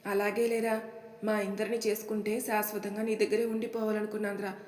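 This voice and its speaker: A woman's voice: mid-range voice, flat delivery, a little fast, a little mellow, lightly acted. A woman voicing a middle-aged maternal uncle who is affectionate and scolding, speaking in a fond, chiding way. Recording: echoey room with long reverb.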